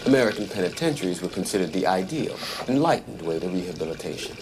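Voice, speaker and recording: An actor playing a world-weary prison inmate who narrates in a blunt, sardonic, profane way. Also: male voice, sits low, lively intonation, quick pace. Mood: reflective. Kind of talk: scripted TV drama monologue. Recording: audible background noise.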